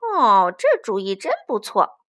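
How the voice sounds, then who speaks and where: A woman's voice: mid-range voice, huge pitch swings, unhurried, a bit bright, pitched below the performer's own voice. A woman playing a grumpy old badger. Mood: pleased. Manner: grumbling, exasperated. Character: grumpy older male badger, hot-tempered.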